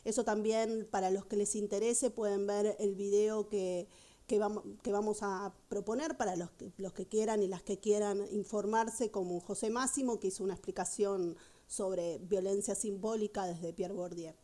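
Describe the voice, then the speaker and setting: A woman conducting an academic interview, asking questions in a measured, explanatory way. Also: medium pitch, fairly even intonation, dark tone.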